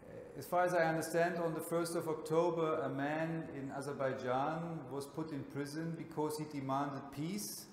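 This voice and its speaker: A man's voice: fairly high pitch, fairly even intonation, moderate pace, hardly any pauses. Male TV interviewer, forties, probing formal questions, reverberant open hall. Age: 40s. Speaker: television journalist interviewing. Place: large open stone terrace, seated. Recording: echoey open hall, background noise.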